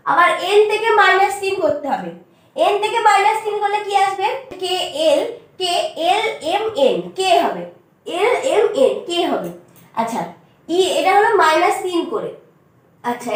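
High-voiced woman teaching in an echoey room. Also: distant mic. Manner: step-by-step, often checks understanding with "তাই তো?" and "ঠিক আছে?". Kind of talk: online exam-prep class.

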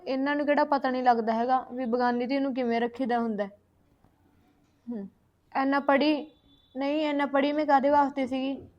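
A woman's voice: sits high, steady tone, fairly quick, long pauses, dull audio, lightly acted. A young woman playing a spoiled newlywed wife who whines and complains about her in-laws. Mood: complaining. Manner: whining, complaining, quarrelsome. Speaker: actor in a short film. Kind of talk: village short-film acting.

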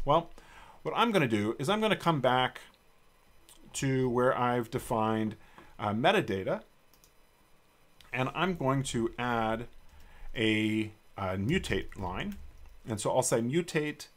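Male instructor for a screencast coding lesson, easygoing and talks his steps through as he types. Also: medium pitch. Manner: relaxed, thinking aloud with many ums while typing code. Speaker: programming instructor.

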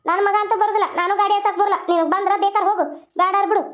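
A woman voicing a nagging, sharp-tongued older mother-in-law in a cartoon. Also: very high voice, flat delivery, very fast. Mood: taunting. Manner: scolding, lecturing. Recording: dull lo-fi sound.

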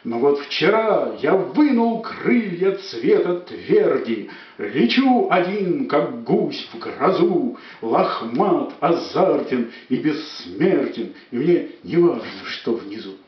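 A man's voice: a little high, sing-song, takes it slowly. Echoey, distant man declaiming poetry dramatically. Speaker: poet reciting verse on stage. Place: echoey room, recorded at a distance. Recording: echoey room, distant dull microphone.

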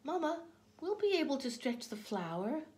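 A woman voicing an eager, lively young village boy in a read-aloud storybook, talking in a high, bouncy way. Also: unhurried.

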